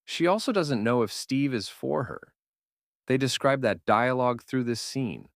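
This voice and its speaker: A man's voice: medium pitch, lively intonation, a little slow, gravelly. A man delivering scripted analytical narration as a video essayist.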